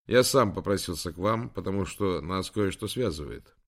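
A man's voice: sits low, animated, moderate pace. A man voicing a brash young male rehab trainer with an Andalusian accent, talking in clipped, blunt phrases.

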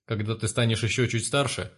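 A man reading aloud, voicing a father in an everyday, low-key voice. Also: fairly even intonation, fairly quick, close to an everyday voice. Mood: calm. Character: gentle father, then pleading for his family.

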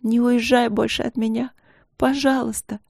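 Woman reading as a young girl, sobbing and clingy, high voice. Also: flat delivery, normal speed, creaky, a little mellow, dry recording, clean studio sound. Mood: tearful. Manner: sobbing, pleading. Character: tearful little girl, youngest sister.

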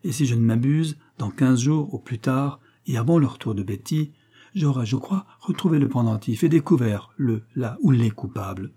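A man reading an audiobook, voicing a composed, self-assured young woman investigator who gives brisk instructions. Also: medium pitch, lively intonation, dark tone, slightly rough. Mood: confident.

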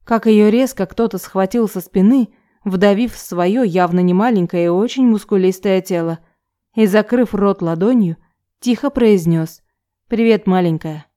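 A woman reading an erotic story aloud in calm, even storytelling narration. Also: mid-range voice, normal speed. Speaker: audiobook reader.

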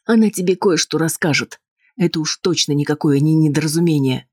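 A man's voice: on the high side, brisk, no echo, clean studio sound, close to an everyday voice. A man reading an audiobook, voicing a worried, insistent wife who argues with her husband. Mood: agitated. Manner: pleading, sharp and defensive. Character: anxious, insistent wife, adult woman.

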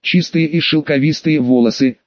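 A man's voice: fairly high pitch, normal speed, no room sound, lightly acted. A man narrating an audiobook voices a brash, vain young woman with a blunt, mocking way of talking, in a dull, dry recording. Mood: teasing, brash. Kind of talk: audiobook character voice.

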